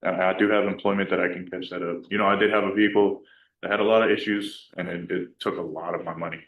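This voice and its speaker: A man speaks as a defendant, hesitant and soft-spoken, often restarting his sentences. His voice is very low and flat, and it reaches the mic from far off in an echoey courtroom. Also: fast talker, narrow, tinny audio, slight background noise. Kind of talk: answering in court.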